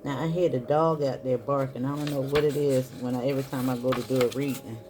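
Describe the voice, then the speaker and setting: A woman's voice: rumbling low, fairly even intonation, fast talker. A woman doing a casual spiritual card reading, chatting to her viewers and calling them y'all. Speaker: tarot reader. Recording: soft music in the background.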